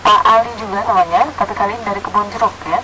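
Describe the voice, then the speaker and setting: A woman's voice: mid-range voice, fairly even intonation, rapid-fire. A woman hosting a live call-in show, addressing guests and reading out listener messages. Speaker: radio call-in host. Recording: very noisy radio-like recording.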